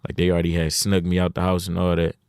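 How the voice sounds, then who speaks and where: A man's voice: deep voice, completely flat delivery, quick pace, darkish tone, clean tone, dry recording, clean studio sound. A young man from Detroit, a rapper talking as a podcast guest in laid-back slang, dropping "you know what I'm saying" often. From Detroit, USA. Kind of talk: casual interview.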